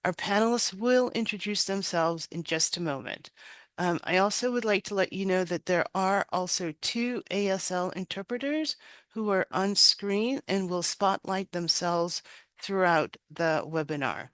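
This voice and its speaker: A middle-aged woman hosting a webinar on a video call headset, speaking haltingly with frequent pauses. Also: mid-range voice, no room sound. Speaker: webinar host.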